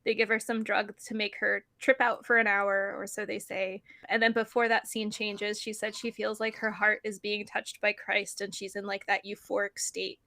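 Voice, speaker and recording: A woman co-hosting a podcast, recapping a film in casual chat, full of "like" fillers and quick laughs. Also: mid-range voice, little pitch movement, vocal fry, bright, forceful tone. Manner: chatty, frequent "like" fillers and laughs. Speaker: podcast co-host.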